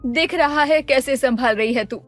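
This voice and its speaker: A woman's voice: high voice, moderate pace, soft background music, lightly acted. A woman voicing a protective, worried mother in a cartoon story, lecturing her daughter firmly. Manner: lecturing, firm.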